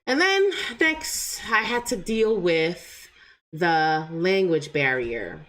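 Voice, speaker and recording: A Jamaican woman hosting her channel tells viewers her own story in a lightly accented, chatty, rambling way, often asking "right?" along the way. Her voice is fairly low and a bit bright, very animated yet slow.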